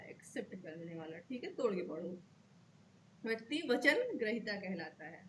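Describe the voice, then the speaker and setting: Higher-voiced woman teaching law. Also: fairly bright tone, slight background noise. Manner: checks in often with "okay", repeats key terms. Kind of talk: explanatory lecture to students.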